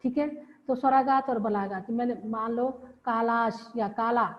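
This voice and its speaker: A woman giving a classroom lecture, explaining slowly and repeating phrases with pauses. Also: fairly high pitch, steady tone. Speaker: teacher. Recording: dull lo-fi audio with long reverb.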